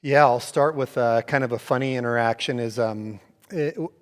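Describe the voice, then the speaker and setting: A man from Oregon, a pastor in casual church conversation, telling animated stories and acting out other people's lines. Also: mid-range voice, normal speed, long reverb tail. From Oregon, USA.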